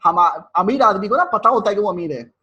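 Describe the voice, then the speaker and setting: A man's voice: high voice, expressive, brisk, sharp tone, highs cut off, slight background noise. A young man hosting an interview, talking bluntly and casually, swearing freely and slipping into English phrases. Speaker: YouTube interviewer. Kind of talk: casual Hindi-English conversation.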